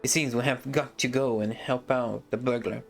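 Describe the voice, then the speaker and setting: A storybook reader voicing a gruff dwarf leader who gives orders in a lower, stern manner. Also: fairly even intonation, moderate pace, soft background music, lightly acted. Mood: commanding.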